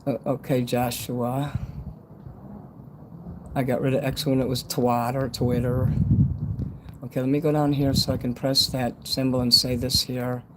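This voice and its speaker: A man's voice: medium pitch, unhurried, long pauses. A man in his fifties from the United States whose s sounds whistle, chatting bluntly and ramblingly as a livestream host. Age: 50s. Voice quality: whistling s sounds from a dental retainer. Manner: blunt, rambling, frequently swearing. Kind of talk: casual livestream chat. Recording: steady background noise.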